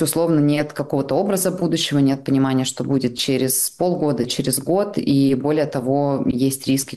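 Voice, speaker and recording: A woman answering interview questions thoughtfully, pausing with filler sounds. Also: very deep voice, darkish tone. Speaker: interviewee commenting on emigration.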